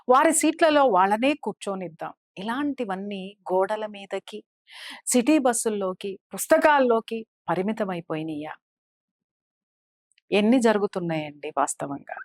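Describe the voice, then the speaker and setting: A woman speaks as a counselor, recounting what she witnessed with earnest indignation. Her voice sits in a middle pitch, and the recording is dry and close with no room sound. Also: no room sound. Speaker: spiritual counselor. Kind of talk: impassioned personal testimony.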